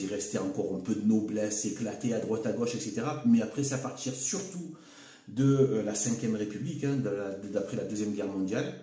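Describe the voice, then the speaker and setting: A man speaking alone to camera in a loose, unscripted way. His voice is mellow and dark, and he often stalls, repeats words and drops fillers. The room around him rings with noticeable echo. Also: lowish voice. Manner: halting, repeats words, fills with "hein" and "voilà". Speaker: video commentator. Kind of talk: unscripted solo video monologue. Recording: echoey room.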